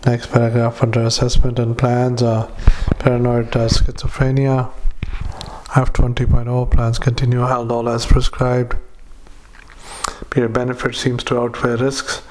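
A man, a doctor, dictating a clinical note into a dictaphone, halting often with fillers and spelling out words. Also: medium pitch, completely flat delivery, darkish tone, rough recording. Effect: dictaphone recording. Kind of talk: medical dictation.

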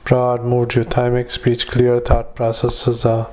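A male doctor with a mid-range voice dictates medical notes into a dictaphone. His delivery is halting and flat, broken by many filler pauses, and he spells out words and speaks the punctuation aloud.

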